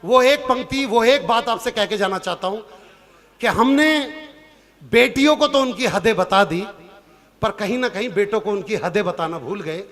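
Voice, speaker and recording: A man's voice: sits high, normal speed, fairly bright tone. A man performing comic storytelling at a poetry stage show, acting out his characters' lines in shifted voices. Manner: turns earnest and preachy near the end. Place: outdoor or hall stage before a live audience.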